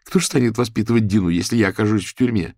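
A man's voice: on the low side, racing, creaky, darkish tone, slightly rough, dry recording, clean studio sound. A man voicing a bitter, paranoid young single mother who speaks in a venomous, accusing way.

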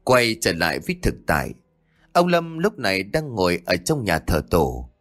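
A man narrating a ghost story in a dramatic, expressive way. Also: fairly low pitch.

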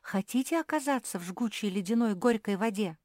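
A calm singer pug from a storybook who soothes the others, coaxing and even, voiced by a woman. Her lines sound close and dry. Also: medium pitch, a little fast, no room sound, voice pushed up, close to an everyday voice.

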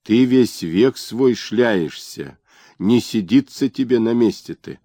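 Man doing a gruff, bullying fat governor. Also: mid-range voice, animated, takes it slowly, mellow, dry recording, clean studio sound. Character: fat, lazy, greedy provincial male governor.

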